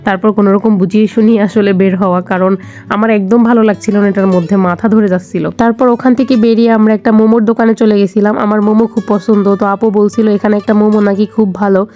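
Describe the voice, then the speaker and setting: Fast, chatty young woman vlogger from Bangladesh. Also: medium pitch, level tone, warm tone, soft background music. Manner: chatty, rambling, quick, with many fillers. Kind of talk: casual voice-over narration.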